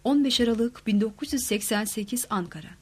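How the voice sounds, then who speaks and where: A woman reading literary prose aloud in a soft, hushed narration that drops close to a whisper at times. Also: on the high side, brisk, slightly rough.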